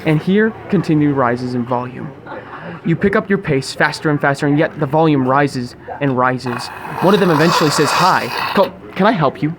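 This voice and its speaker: The recording is very noisy, busy with the chatter of the sushi restaurant where a young man hosts his podcast. He speaks at a normal speed in a fairly high voice, using a grandiose, mock-formal, wordy scripted style.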